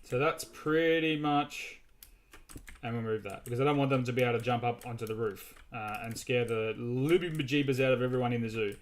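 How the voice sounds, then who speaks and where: A man's voice: medium pitch, steady tone, fairly quick, a little hiss or hum. A man hosting a casual gaming video, narrating his building as he goes in a chatty, rambling way with many restarts. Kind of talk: casual gameplay commentary.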